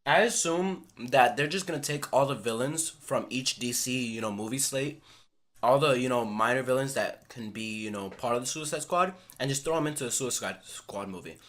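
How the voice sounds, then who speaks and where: A man's voice: medium pitch, fairly quick, fairly bright tone. A man co-hosting a casual podcast, eagerly leading topics and recapping episodes. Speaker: podcast co-host. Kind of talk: casual chat.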